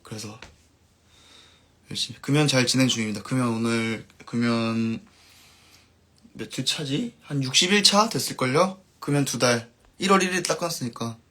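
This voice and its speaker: Man, band musician, casual live stream, reads viewer comments, relaxed, soft trailing endings. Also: medium pitch, normal speed. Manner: relaxed, trailing off softly at line ends.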